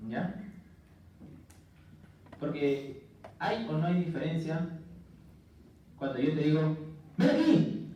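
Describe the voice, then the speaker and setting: A man lecturing to a class, animated, making jokey asides and checking in with his students. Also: fairly high pitch, a little hiss or hum. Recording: distant, muffled, echoey classroom audio.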